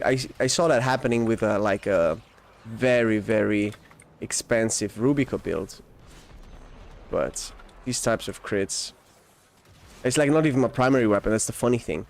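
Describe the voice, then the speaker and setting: This streamer, originally from Austria, has a lowish, creaky voice. His casual gameplay talk wanders, full of restarts and self-corrections, and he sounds eager, breaking into laughter a lot.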